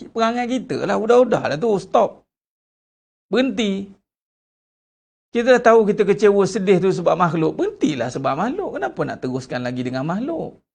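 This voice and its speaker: A man preaching a sermon as a religious teacher, animated and full of rhetorical questions to his congregation. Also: a little high, creaky.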